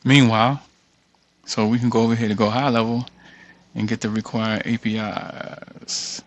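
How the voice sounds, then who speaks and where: A tutorial creator with a medium-pitched voice gives an informal screen-share walkthrough, thinking aloud and muttering as he reads text from the screen. His delivery is flat and at a normal speed, with no echo in the recording.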